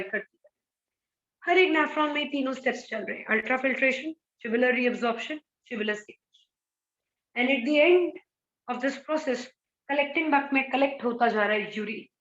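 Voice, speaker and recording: A high-pitched woman teaches a school biology lecture, explaining each step and stopping to ask rhetorical questions. Her voice rings in an echoey room. The recording sounds muffled and dull. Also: fairly bright tone. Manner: explains in mixed Hindi and English, asks rhetorical questions.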